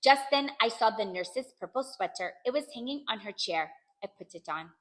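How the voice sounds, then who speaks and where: A woman reading a children's book aloud in an animated, expressive way, narrating in the first person. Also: fairly high pitch, normal speed. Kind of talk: storybook read-aloud.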